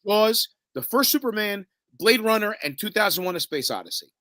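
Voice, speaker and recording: A man with a fairly high, very lively voice chats casually as a panel guest, stumbling and restarting as he talks. His tone is bright and sharp, and the sound is dry. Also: a little fast, dry recording. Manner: hesitant, restarts sentences.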